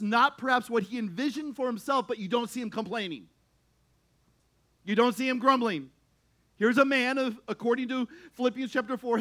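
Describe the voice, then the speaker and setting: High-voiced preaching man, wide dynamics. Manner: preaching with wide swings of loudness, slowing hard on key words. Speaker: pastor. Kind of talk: sermon. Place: church sanctuary.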